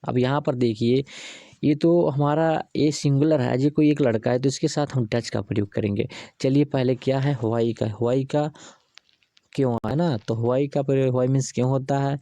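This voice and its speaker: A man's voice: medium pitch, fairly even intonation, moderate pace, dark tone, dry recording. A man teaching English grammar, going through examples step by step and asking himself rhetorical questions.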